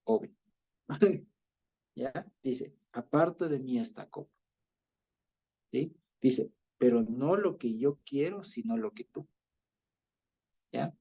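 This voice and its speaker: A man with an Ecuadorian accent teaching a Bible study, explaining slowly and often checking that his listeners follow. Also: medium pitch, animated, creaky, mellow, husky. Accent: Ecuadorian Spanish. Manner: explanatory, repeats himself with many fillers and checks for understanding. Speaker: preacher.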